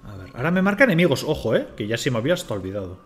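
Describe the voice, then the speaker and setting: A man's voice: mid-range voice, big pitch swings, rapid-fire, soft background music. A man from Spain, swearing and talking to himself as he streams a game. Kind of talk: casual live gameplay commentary.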